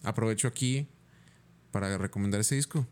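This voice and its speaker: A man's voice: on the low side, fairly quick, a little mellow. A young man with a Mexican accent, co-hosting a music podcast in laid-back chat full of slang. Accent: Mexican Spanish. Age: young adult. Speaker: podcast co-host. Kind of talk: casual chat.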